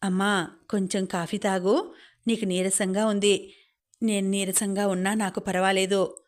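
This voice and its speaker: A woman reading a gentle, loving daughter. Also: mid-range voice, flat delivery, measured pace, close to an everyday voice. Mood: caring. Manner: soft, pleading and affectionate. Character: gentle devoted young adult daughter.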